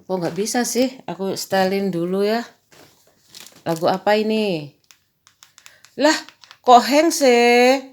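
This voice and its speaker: A woman's voice: mid-range voice, a little slow, pauses often, darkish tone. A woman, chatting casually in a daily home vlog and telling stories. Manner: chatty storytelling, frequent "kayak gitu" and laughter. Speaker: vlogger.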